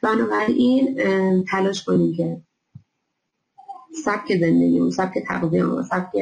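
Gravelly-voiced woman giving a health lecture. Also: mid-range voice, steady tone, a crowd in the background, low-quality recording. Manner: explanatory, many filler pauses. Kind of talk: recorded health lecture with slides.

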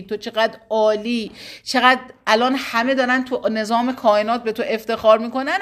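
A woman with a slightly high voice leads a religious class. She speaks in a loose, colloquial way and explains each point to her students through stories from her own life. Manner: colloquial and explanatory, with personal anecdotes. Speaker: religious teacher. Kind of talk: informal religious lesson to students.

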